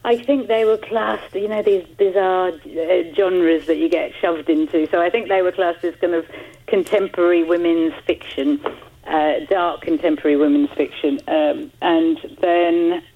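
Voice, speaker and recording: A woman's voice: fairly low pitch, fairly even intonation, moderate pace, narrow, tinny audio. A woman author answering radio interview questions in a hesitant way, with many fillers and laughs. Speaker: author guest.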